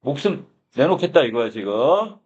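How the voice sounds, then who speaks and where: A man's voice: mid-range voice, very animated, moderate pace, darkish tone, slight background noise. Male literature teacher, lecture style, reads the text and then explains it, muffled lo-fi sound. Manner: reads the text aloud, then explains it in plain words with rhetorical questions.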